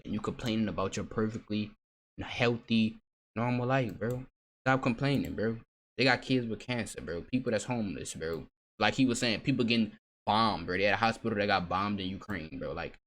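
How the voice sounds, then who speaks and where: A man's voice: lowish voice, slight background noise. A man giving blunt, profane reaction commentary and saying "bro" constantly. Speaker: reaction streamer.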